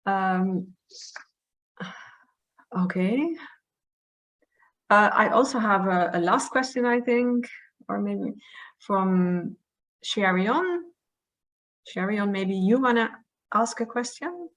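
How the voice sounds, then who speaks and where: Hesitant woman moderating, mid-pitched. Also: slow, pauses often, a bit bright. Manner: hesitant, searching for words. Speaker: host moderating questions. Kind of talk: informal online session moderation.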